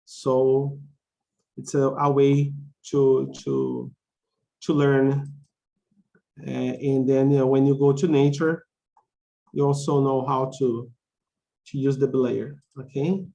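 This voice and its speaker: A man's voice: mid-range voice, takes it slowly, long pauses, warm tone, low-quality recording. A man teaching a class, explaining things simply, repeating key phrases and checking that learners follow. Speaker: English teacher of a conversation class. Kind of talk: instructional lesson, explaining simply with check questions.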